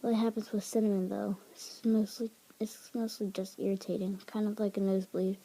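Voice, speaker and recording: A woman's voice: medium pitch, level tone, a little fast, dark tone, breathy edge. A woman voicing a chatty young female pony socialite, speaking in an awkward, eager way. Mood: apologetic.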